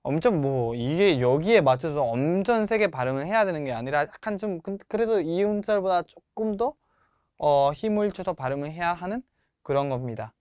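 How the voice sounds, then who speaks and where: A young man teaches pronunciation patiently and encouragingly, leaning hard on stressed syllables as he models each word. His voice sits a little high and sounds smooth and resonant. The recording is dry and close. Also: animated, normal speed, darkish tone, no echo, lo-fi sound. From Spanish-speaking country. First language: Spanish. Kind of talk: friendly language lesson.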